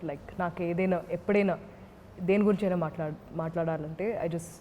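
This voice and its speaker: A woman, an actress guest, giving thoughtful, lively answers in a casual interview. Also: on the low side, fast. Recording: roomy reverb, faint background noise.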